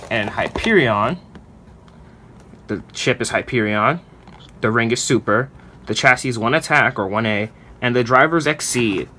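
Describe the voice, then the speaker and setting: A man's voice: mid-range voice, bright, forceful tone, slight background noise. A man casually unboxing and reviewing toys on his channel. He talks in a chatty, enthusiastic way, with loose fillers. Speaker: toy unboxing YouTuber.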